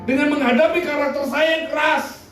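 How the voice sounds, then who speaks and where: A man's voice: extremely high pitch, steady tone, fairly quick, a bit bright. A male pastor preaching a sermon, telling stories, mimicking voices and dropping blunt slang asides. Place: church service in a hotel hall. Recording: echoey hall, mic distant, music faint.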